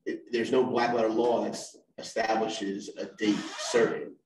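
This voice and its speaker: Council member, 40s man, measured and methodical, desk mic heard from a distance. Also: lowish voice, flat delivery, background noise. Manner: measured, argues legal points. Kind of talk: council meeting discussion. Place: council chamber. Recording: roomy echo, mic set back.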